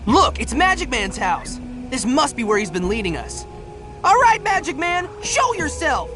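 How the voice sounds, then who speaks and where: A man voicing an earnest, excitable young boy hero in a cartoon. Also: sits high, moderate pace, music in the background. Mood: eager. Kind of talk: cartoon voice acting.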